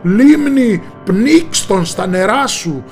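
A man voicing a fearsome fire-breathing male dragon who bellows slow commands. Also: sits high, expressive, darkish tone, faint music behind, pitched above the performer's own voice. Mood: furious shouting.

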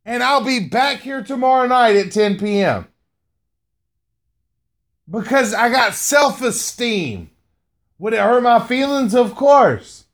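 A middle-aged man hosting a podcast, giving a motivational monologue, repeating lines for emphasis and often calling the listener "man". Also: sits high. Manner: slangy, says "man" often. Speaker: podcast host and motivational speaker.

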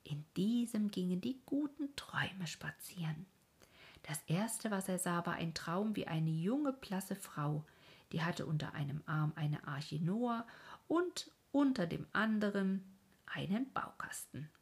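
A woman reads a fairy tale aloud in a soft, calm, breathy manner. Her voice sits fairly low and gently husky. The delivery is an unhurried storybook narration.

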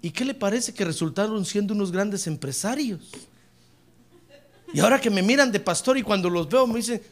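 A man preaching a sermon as pastor at a church service, lively and joking, often calling listeners brother. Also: high voice, fairly quick.

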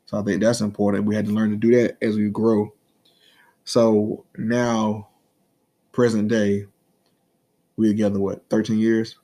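A man's voice: on the low side, monotone, a little slow, pauses often, dark tone. A man, co-hosting a podcast in loose, profane, joking casual chat and slurring his words. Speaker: podcast co-host, comedian.

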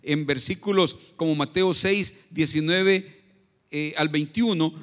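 Guy giving a sermon in a church, kinda high voice, lots of hall echo, keeps tossing in questions to the crowd. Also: fairly even intonation, unhurried, fairly bright tone. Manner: conversational, frequent tag questions and restarts. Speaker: preacher. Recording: long reverb of a church hall.

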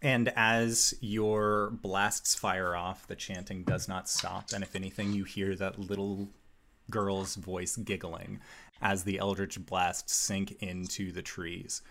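Slow, deep-voiced man narrating a game. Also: flat delivery, fairly bright tone. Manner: suspenseful, descriptive storytelling with long pauses. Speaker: game master. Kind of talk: narrating a tabletop fantasy game.

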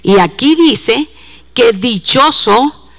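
Female preacher, fervent sermon delivery, rhetorical questions to the flock, somewhat high voice. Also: animated, a bit bright. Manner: speeds up and slows down, repeats words.

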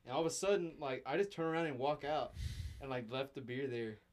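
A man's voice: mid-range voice, a little fast, a little mellow. A man in a podcast chat, telling stories animatedly and laughing often. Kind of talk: casual chat.

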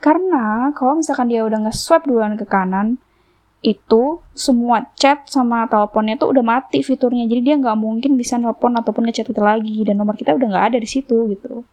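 Woman podcast host, higher pitch, casual and chatty storytelling. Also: brisk, darkish tone. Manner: chatty, acts out quoted exchanges in a higher voice.

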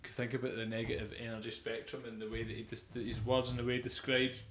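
A man's voice: medium pitch, flat delivery, quick pace, fairly bright tone, a little hiss or hum. A young man hosting a casual music podcast, rambling enthusiastically with many fillers. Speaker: podcast host. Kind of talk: casual chat about music. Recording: echoey room.

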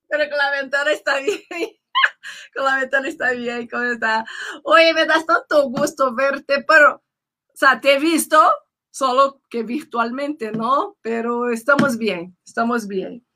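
A woman host with a Mexican accent chatting casually with a guest, bubbly and quick to laugh. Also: high voice, pushed and bright. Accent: Mexican Spanish. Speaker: show host. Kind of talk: casual interview chat.

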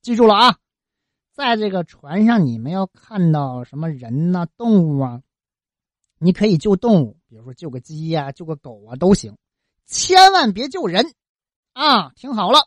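A woman's voice: fairly low pitch, sing-song, normal speed, no echo. A woman voicing a male immortal in a folk tale who gives an urgent, emphatic warning. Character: immortal sage warning a good man, male.

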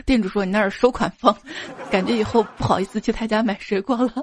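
A woman's voice: mid-range voice, fairly even intonation, fast, a little hiss or hum. A woman radio show host reading out listener jokes, playful and acting out the quoted voices.

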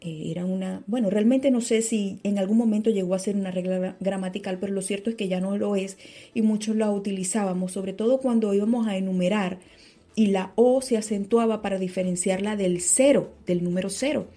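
Mellow-voiced woman teaching a grammar lesson. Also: mid-range voice, steady tone. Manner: explanatory, slows down on key points, self-correcting.

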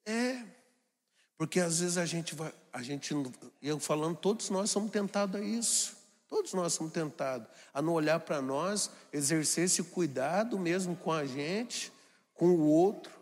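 A man preaching a homily as a priest, animated and lively, often slipping into put-on voices for family scenes. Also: on the high side, moderate pace, big-room sound.

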